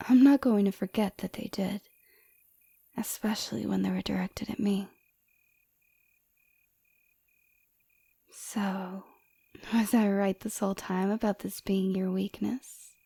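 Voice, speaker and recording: For an ASMR roleplay, a woman is wanted as a seductive villainess: soft, breathy and dark-toned, coy and teasing, and right up on the mic. Her voice is mid-range, and the mood is low and probing.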